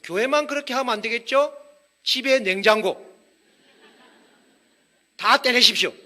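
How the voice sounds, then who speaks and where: Animated high-voiced man preaching. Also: measured pace. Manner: energetic, humorous, with wordplay and audience prompts. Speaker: pastor. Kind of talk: sermon. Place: church hall.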